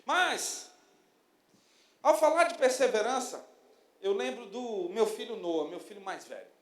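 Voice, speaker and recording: A man in his thirties preaching a sermon as pastor, lively and storytelling, acting out little quotes. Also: high-pitched, unhurried. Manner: animated preaching with acted-out quotes. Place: church sanctuary. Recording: echoey church hall.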